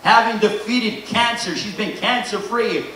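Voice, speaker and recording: Introducing fighters to an audience in a large, echoey press conference room, this host uses the flashy style of a ring announcer to promote the bout. He speaks unhurriedly in a voice that sits high, recorded from a distance with echo and faint noise.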